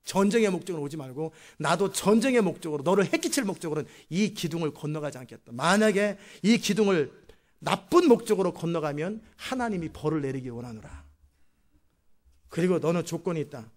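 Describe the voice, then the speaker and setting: A male preacher acting out an angry older father-in-law who scolds and then sets stern terms, loud and dramatic. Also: on the high side, animated, fairly quick, lightly acted. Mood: stern bargaining. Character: angry old father-in-law confronting a runaway.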